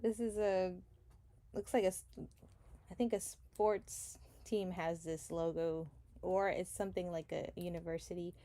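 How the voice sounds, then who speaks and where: In a dark, fairly low voice with fairly even intonation, a Chilean-born woman chats unhurriedly during a live selling stream. She rambles a little and thanks buyers, with crinkling sticker packs audible behind her.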